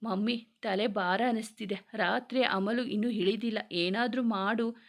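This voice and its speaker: A woman's voice: mid-range voice, steady tone, a little slow, natural voice. Give me a woman playing a spoiled, whiny young woman in a read-aloud story. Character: spoiled hungover young woman, pampered daughter.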